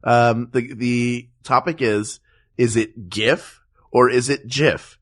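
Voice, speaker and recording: A man's voice: medium pitch, fairly even intonation, takes it slowly. Podcast guy just chatting, jokey and rambly, regular mid voice. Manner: rambling, jokey, many fillers. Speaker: podcast co-host. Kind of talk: casual chat.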